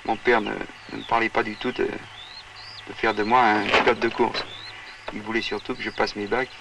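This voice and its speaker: A man's voice: on the low side, level tone, normal speed, creaky, heavy background noise. A man in his twenties answering interview questions earnestly, with hesitant restarts. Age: 20s. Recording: distant 1960s outdoor film sound.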